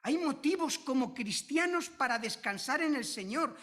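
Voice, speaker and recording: A woman from preaching a sermon, slow and emphatic, repeating key phrases with drawn-out stress. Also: sits high, expressive, a bit bright.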